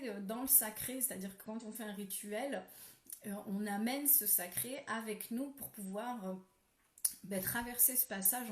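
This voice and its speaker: A woman hosting a live spiritual ritual, guiding softly and then chatting while reading viewers' comments, with many fillers. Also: on the high side. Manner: soft, gentle guidance with many fillers. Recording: roomy echo.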